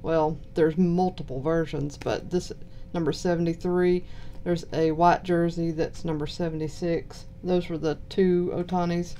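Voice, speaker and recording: A woman with a Southern US accent giving low-key, mumbled casual commentary while unboxing cards. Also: steady tone, a little slow, hardly any pauses, dark tone, slight background noise. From southern United States. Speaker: card box-break host. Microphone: purchased microphone.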